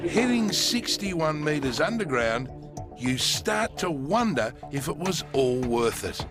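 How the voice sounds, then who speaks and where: Animated Australian travel presenter, lightish voice. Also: male voice, fairly high pitch, takes it slowly. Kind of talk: scripted travel narration with casual chat. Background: music.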